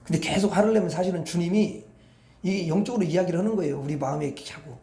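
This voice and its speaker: High-voiced man preaching in an echoey hall. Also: fast, dark tone. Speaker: pastor. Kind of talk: evening prayer meeting sermon.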